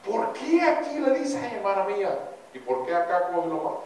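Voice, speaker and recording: A man preaching a sermon in a chapel, animated, asking the congregation rhetorical questions. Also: sits high, a little fast, a little hiss or hum. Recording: echoey chapel from far off.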